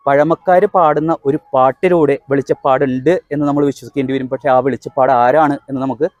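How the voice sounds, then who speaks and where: A man's voice: mid-range voice, a little mellow, no room sound. A man with a Kerala accent giving an emphatic, instructive explanation to devotees, repeating his key points. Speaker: presenter.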